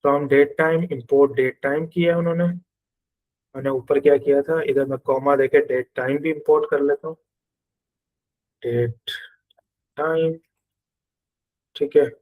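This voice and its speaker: A man's voice: a little high, fairly even intonation, takes it slowly, pauses often, phone-quality sound. A man with a Pakistani Urdu accent teaching a coding class, explaining each step and thinking aloud as he works through code on screen. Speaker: programming teacher.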